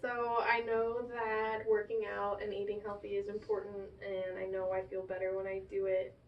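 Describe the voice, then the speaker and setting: A woman's voice: mid-range voice, completely flat delivery, normal speed. A woman talking through her own feelings as the client in a counseling session. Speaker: client in a therapy role play. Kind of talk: casual spoken reflection in a counseling session. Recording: echoey, distant, muffled, faint noise.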